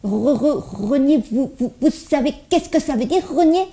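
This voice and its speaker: A woman's voice: high-pitched, animated, measured pace, dark tone. A woman voicing a cheerful, eager little child puppet who stutters heavily while telling a Bible story to children. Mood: storytelling. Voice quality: heavy stutter, repeats words many times.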